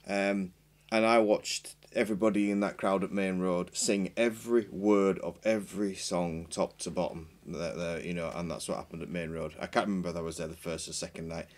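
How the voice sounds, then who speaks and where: Deep-voiced man in his forties. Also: steady tone, fairly quick. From Yorkshire, England. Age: 40s. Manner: rambling, self-deprecating, many restarts. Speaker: band member guest. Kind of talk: casual chat. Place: small podcast studio, on a sofa. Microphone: boom mic with headphones.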